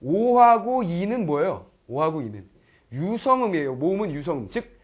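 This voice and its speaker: A man's voice: high-pitched, moderate pace. A middle-aged man teaching Korean grammar in an online lecture, often asking if students follow and acting out learners' lines. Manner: lively, keeps checking students understand; acts out foreign learners' lines in quoted voices.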